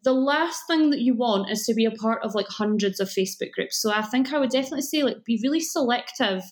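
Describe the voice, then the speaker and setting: A woman's voice: fairly high pitch, quick pace. A woman with a broad Scottish accent chatting casually as a podcast guest, giving encouraging, emphatic advice. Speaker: guest, cake business coach.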